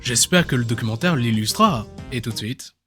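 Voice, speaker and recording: A man's voice: medium pitch, expressive, a little fast, a bit bright, soft background music. A man doing comedic commentary on a video, sarcastic, with joking asides. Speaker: YouTuber.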